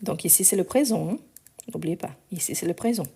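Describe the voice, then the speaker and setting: A woman's voice: fairly low pitch, expressive, a little fast, dark tone, husky. A woman teaching a live online grammar lesson, patiently explaining step by step and spelling out endings letter by letter, her voice a bit weak, recorded on a phone. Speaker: French teacher.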